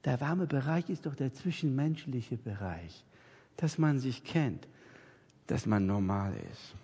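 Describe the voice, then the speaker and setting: A man preaches in a large hall, his voice bouncing around the room with a long echo. He speaks high and with lots of melody, and his tone is a little husky. He tells his stories vividly and acts out every conversation. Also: lively intonation, unhurried, mellow. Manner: storytelling, acts out dialogue in voices. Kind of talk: anecdotal sermon. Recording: reverberant hall.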